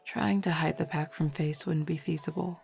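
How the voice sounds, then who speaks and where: Playing a self-assured, flirtatious werewolf beta in an audio drama roleplay, this woman teases the listener casually. She has a deep, darkish, creaky voice, a steady tone and normal speed, sounding calm as she explains things over lo-fi background music.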